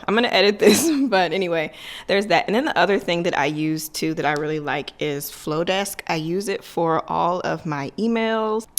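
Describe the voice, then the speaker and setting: A young woman chatting casually to her viewers in a day-in-the-life vlog, loose and rambling with lots of "um" and "like.". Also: low-pitched. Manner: chatty, loose, with many fillers and "like". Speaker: vlogger and business coach.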